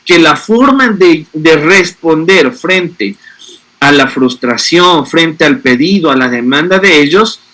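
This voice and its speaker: A man's voice: a little high, expressive, slow, sharp tone. A man, explaining parenting to an audience and often checking in with rhetorical questions. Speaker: speaker on a parenting panel.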